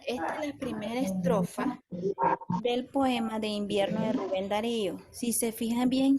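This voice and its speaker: A woman teacher explaining poetic meter in a slow, careful way, counting syllables aloud. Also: on the high side. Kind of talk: recorded lesson explanation. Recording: loud background noise.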